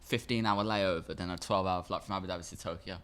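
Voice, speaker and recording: A man's voice: low-pitched, steady tone, fast, fairly bright tone, smooth. A young man from Liverpool with a Liverpool accent, a band member chatting in an interview, rambling and tripping over his words. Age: young adult. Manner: rambling, stumbles and repeats words. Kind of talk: casual interview chat.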